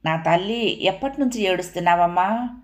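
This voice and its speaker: A woman reading as a gentle young wife and mother. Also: on the low side, moderate pace, natural voice. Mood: tender. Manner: tender. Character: gentle eldest daughter-in-law, tender then stern.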